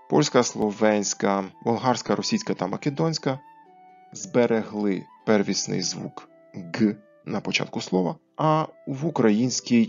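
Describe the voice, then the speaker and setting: A gravelly, fairly low-voiced man delivers a scripted lesson on word history. He spells out each example word with care, and the audio sounds slightly dull, with faint guitar music behind him. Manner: explains clearly, stressing example words one by one. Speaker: language history presenter. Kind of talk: scripted educational narration.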